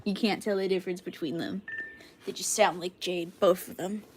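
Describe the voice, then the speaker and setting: A woman's voice: on the low side, fairly even intonation, normal speed, over loud music. A young woman streamer chatting casually to viewers, rambling with lots of fillers and coughing from a cold. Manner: rambling, filler-heavy, frequent "like". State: sick with a cough. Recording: clicky background noise.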